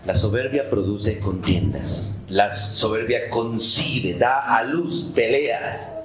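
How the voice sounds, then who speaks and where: A male pastor preaching a sermon, animated, asking the congregation questions and acting out short dialogues. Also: mid-range voice, takes it slowly, reverberant, noisy background. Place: church.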